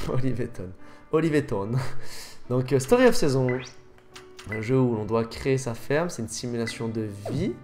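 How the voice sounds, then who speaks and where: A man's voice: medium pitch, darkish tone. A man chatting casually over gameplay, rambling and often correcting himself mid-sentence. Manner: rambling, self-correcting, fillers. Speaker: gaming youtuber.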